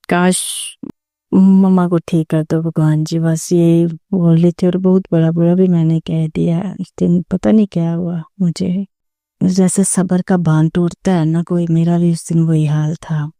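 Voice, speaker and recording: A young woman recounts a personal devotional experience in an earnest, reflective manner, with pauses and restarts. Her voice is very mellow and soft-toned, sitting a little low for a woman. It sounds close and dry, with no room around it. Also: flat delivery, no room sound. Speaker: devotee sharing a personal story. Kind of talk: personal testimony, slow storytelling.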